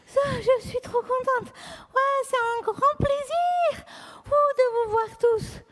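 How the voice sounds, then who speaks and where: A man doing Charlotte, an excitable, out-of-breath young woman in a children's church skit, squealing in a very high voice. She drawls her gushing sighs slowly, with faint noise behind her. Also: full character voice. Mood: breathless, delighted. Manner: gushing, sighing exclamations.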